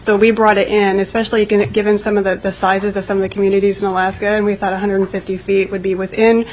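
A woman's voice: medium pitch, little pitch movement, fast, a little mellow, a little hiss or hum, low-quality recording. A woman answering a question in a hearing, explaining matter-of-factly.

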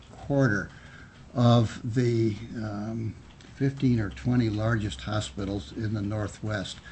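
Halting, low-voiced man giving official testimony. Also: darkish tone. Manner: measured politician-like official delivery, halting with frequent pauses. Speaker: physician and state health official testifying. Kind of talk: formal legislative testimony. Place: indoor legislative committee room. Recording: noisy public hearing room audio.

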